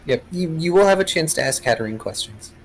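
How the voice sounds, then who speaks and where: A man's voice: a little high, animated, quick pace, low-quality recording. A man running a tabletop role-playing game, narrating and chatting casually as game master.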